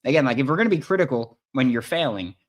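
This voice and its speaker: A man hosting a live sports podcast, talking in an excitable, hype-driven way and repeating lines for emphasis. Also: mid-range voice, fast talker. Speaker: podcast host. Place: recording in England.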